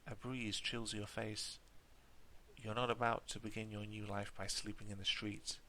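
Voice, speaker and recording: A man's voice: on the low side, little pitch movement, moderate pace, sharp tone, slight background noise, poor audio. A man playing a tabletop game on his own, reading the gamebook aloud and breaking off for hesitant asides. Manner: hesitant asides with fillers and restarts. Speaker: solo tabletop game player.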